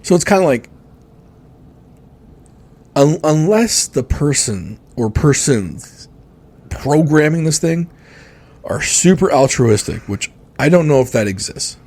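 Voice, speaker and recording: A man's voice: on the high side, big pitch swings, slow pace, long pauses, darkish tone. A man in his forties co-hosting a podcast, talking bluntly and ramblingly with plenty of swearing. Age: 40s. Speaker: podcast co-host. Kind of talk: casual podcast chat.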